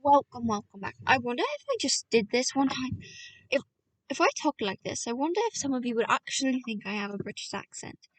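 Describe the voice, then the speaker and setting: Her pitch fairly high, this woman reads a novel aloud at a brisk clip and sounds very animated, like a casual audiobook. She keeps interrupting herself to talk to listeners and has fun with voices. It's a low-quality recording made from afar, with no room sound.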